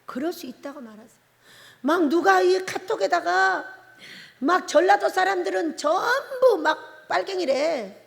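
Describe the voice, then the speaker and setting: A woman pastor from Korea's Jeolla Province delivers a sermon in a very high voice. She preaches emphatically, pressing rhetorical questions on her listeners. The sound carries a long reverb from a large chapel. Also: animated, a little slow, creaky. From Jeolla Province, South Korea. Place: prayer retreat chapel.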